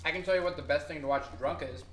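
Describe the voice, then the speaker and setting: A man chatting on a podcast in a quick, chatty way. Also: a little high, fairly bright tone, reverberant, slight background noise. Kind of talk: casual chat.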